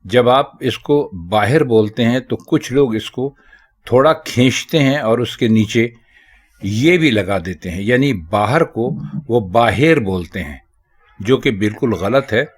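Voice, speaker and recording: A man teaching Urdu, explaining correct spelling and pronunciation of common words in a measured, deliberate way. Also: medium pitch, breathy edge.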